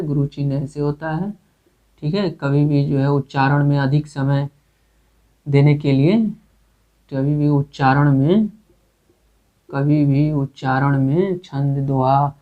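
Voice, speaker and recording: A male teacher giving a grammar lesson, asking questions and answering them himself with many repetitions. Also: a little high. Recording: tinny phone-like recording.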